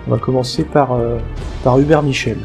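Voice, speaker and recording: Mellow-voiced game master. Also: male voice, medium pitch, fairly even intonation, normal speed, faint music behind. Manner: narrates scene, asks players in turn. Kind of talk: narrating a tabletop game.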